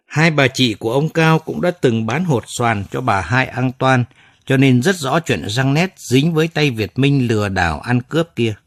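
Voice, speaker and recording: A man's voice: medium pitch, animated, moderate pace, no echo. Man narrating a story, dry close sound. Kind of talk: scripted narration.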